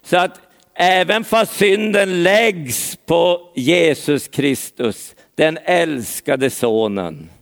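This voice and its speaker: A man's voice: a little high, gravelly. A man preaching an earnest sermon, speaking directly to listeners by name.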